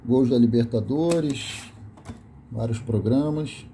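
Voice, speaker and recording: Speaking slowly in a mid-range voice over a noisy background, this video host shows off his VHS tapes indoors. He's Brazilian, with a Brazilian Portuguese accent, and reads the labels in an offhand list, fixing his own slips along the way. The commentary is casual and comes from off camera in a small room.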